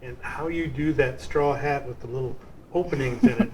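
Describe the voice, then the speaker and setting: A man's voice: medium pitch, normal speed, a little mellow, a little hiss or hum, low-quality recording. Chatty, effusive male show host. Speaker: host of an art showcase. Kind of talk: casual interview.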